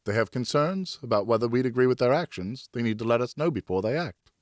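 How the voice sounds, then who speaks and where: Playing a tired French noble and father in a historical audiobook, a male reader reasons with earnest, soothing care. His delivery is quick and close to an everyday voice, lifting above his normal low pitch with lively rises and falls, and the sound is very dry and echo-free.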